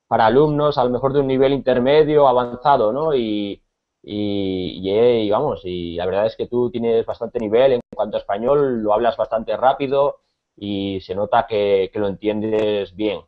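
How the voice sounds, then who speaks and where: A man from Spain with a Spanish accent, teaching a conversational Spanish lesson, pausing often with repeated words and fillers. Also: fairly low pitch, narrow, tinny audio.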